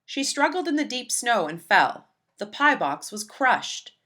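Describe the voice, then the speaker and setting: Reading a children's picture book aloud, a woman tells the story expressively in an unhurried voice that sits on the high side.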